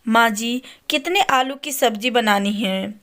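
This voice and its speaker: A woman's voice: on the high side, a little slow, a bit bright. A woman voicing a polite young daughter-in-law in a storybook, respectfully asking questions. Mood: dutiful. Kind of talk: storybook character voice.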